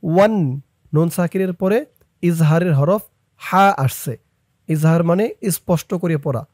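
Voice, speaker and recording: A man teaching Quran recitation letter by letter, chanting the verses in long drawn-out tones and explaining pronunciation between them. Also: a little high, a little mellow, no echo. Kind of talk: slow tajweed lesson with spelled-out letters and recitation.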